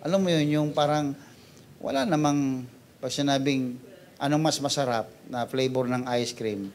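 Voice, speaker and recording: A male pastor with a Filipino accent preaching a sermon in a mix of Tagalog and English. He teases his listeners playfully, swings up loud and high to stress a point, then drops to quiet asides. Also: moderate pace. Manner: switches between Tagalog and English, playful and teasing.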